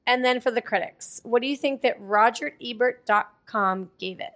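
A woman's voice: on the high side, normal speed, fairly bright tone. A woman co-hosting a casual podcast, reading movie credits and critics' reviews aloud and laughing often. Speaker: podcast co-host.

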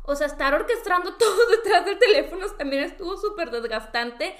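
A young woman with a high voice co-hosts a casual chat. She tells stories with animated energy and acts out every line of dialogue. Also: brisk. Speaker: podcast co-host.

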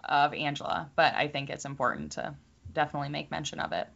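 A woman's voice: low voice, quick pace, vocal fry, a bit bright, muffled recording. A woman co-hosting a podcast in casual chat, talkative and openly emotional, with many fillers. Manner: chatty, emotional, frequent fillers. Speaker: podcast co-host.

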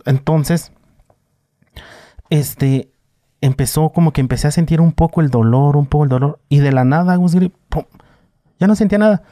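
Mexican man, twenties, mellow low-toned voice, dry close sound, rambling storyteller with lots of "este". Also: moderate pace, pauses often, no room sound. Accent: Mexican Spanish. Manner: many fillers, vivid retelling. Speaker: guest. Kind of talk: casual storytelling.

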